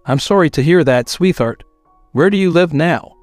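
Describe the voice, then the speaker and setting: A man reading the lines of a kind, grieving woman in an even, soft way. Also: fairly high pitch, moderate pace, no room sound, soft background music, lightly acted. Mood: tender.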